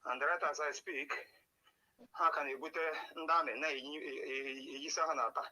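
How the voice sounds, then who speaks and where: A man's voice: a little high, steady tone, moderate pace, bright, forceful tone, low-quality recording. Urgent Nigerian man in a voice message. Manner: alarmed, pleading. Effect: voice message played back during a live stream. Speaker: local resident reporting events. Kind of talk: urgent voice note mixing Igbo and English.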